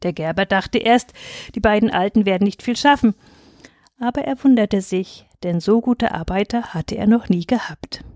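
A woman reading a fairy tale aloud in a clear, measured storytelling voice. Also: mid-range voice, a little mellow, dry recording. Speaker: reader.

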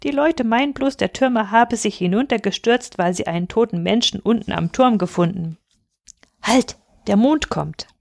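A woman reading a storybook voices a gruff, loyal old tomcat who grumbles and confides, with a slightly gravelly, dry sound. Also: fairly high pitch, normal speed, dry recording. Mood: reassuring.

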